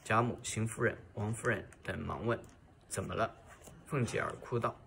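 Gravelly, low-voiced male audiobook reader. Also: normal speed, slight background noise. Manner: steady reading with occasional restarts. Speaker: narrator. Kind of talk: reading a classic novel aloud.

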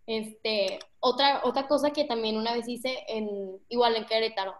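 A woman's voice: fairly high pitch, steady tone, normal speed. Chatty young Mexican woman coaching. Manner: chatty, slangy, addresses the audience directly. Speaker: public speaking coach. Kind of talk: casual online workshop talk.

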